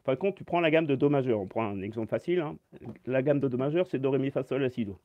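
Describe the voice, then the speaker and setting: A man's voice: medium pitch, quick pace, phone-quality sound, slight background noise. A man teaching saxophone in a live-stream Q&A, explaining step by step and answering chat comments aloud through his phone.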